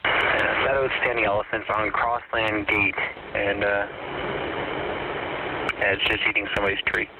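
A man police officer giving calm, brief reports over a police radio. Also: fairly low pitch, moderate pace, pauses often. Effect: police radio transmission. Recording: tinny police radio with loud static.

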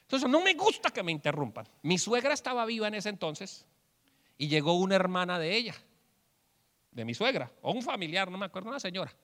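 A man preaching a humorous sermon, an animated storyteller who acts out the quotes in his jokes. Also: sits high, brisk. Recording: long hall reverb.

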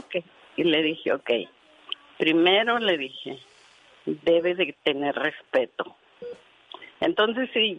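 A woman's voice: sits low, muffled recording. Earnest woman telling a nurse's story. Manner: earnest, vivid storyteller who acts out dialogue. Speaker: retired hospital nurse guest. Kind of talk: casual radio chat, telling a story.

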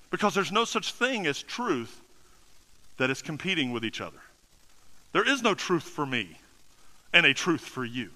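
A male pastor delivering a sermon in an emphatic, questioning style with flashes of humor. His voice sits high and swings widely in pitch, with a sharp, bright edge. The sound carries a long hall reverb.

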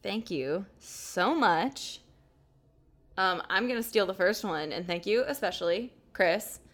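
A woman co-hosting a podcast, chatty and self-mocking, breaking into laughs as she talks. Her voice sits at an ordinary middle pitch, and she speaks in a loose, casual way. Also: expressive, slow, a bit bright. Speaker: podcast co-host. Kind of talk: casual chat.

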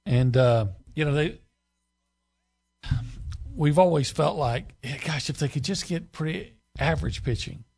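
A man's voice: a little high, measured pace, creaky, pauses often, darkish tone, husky. A man co-hosting a sports radio show from a studio, chatting in an enthusiastic, folksy way. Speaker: radio co-host. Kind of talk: casual sports radio chat. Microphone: studio mic.

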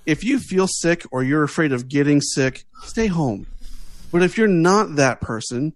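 A man's voice: fairly high pitch, animated, no echo. Earnest man in his thirties, dry mic. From United States. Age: 30s. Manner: earnest, opinionated, halting with fillers. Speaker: guest. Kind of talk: casual podcast chat.

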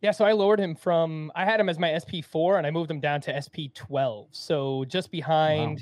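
A man's voice: a little high, steady tone, normal speed, no echo. A man in casual podcast chat, matter-of-fact and a little wry. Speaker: fantasy baseball analyst.

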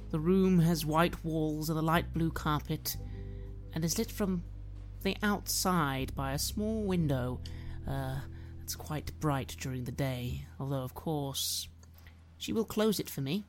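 A woman plays a nervous patient who stumbles and repeats herself as she talks. Her voice is low, and faint music runs behind her. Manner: halting, stammering, anxious. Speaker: player. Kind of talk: in-character role-play as an anxious patient.

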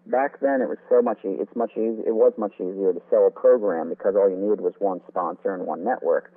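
In a brisk, fairly low voice, an author who writes about old-time radio talks about the medium's history as an interview guest, keeping it conversational. His audio has a thin, tinny, phone-like quality.

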